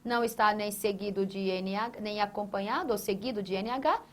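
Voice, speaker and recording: A woman teaching an exam-prep grammar lesson. She asks questions and answers them herself, and stretches out syllables as she writes. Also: mid-range voice. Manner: drawn-out syllables while writing on a board.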